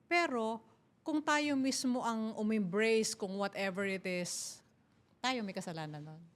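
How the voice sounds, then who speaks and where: A woman's voice: fairly high pitch, unhurried. A woman hosting a talk show, commenting and agreeing in casual chat that mixes Tagalog and English.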